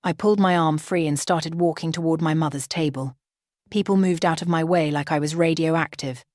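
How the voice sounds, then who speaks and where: Low-voiced woman narrating a story. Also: normal speed, darkish tone, no echo, clean studio sound. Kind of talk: first-person story narration.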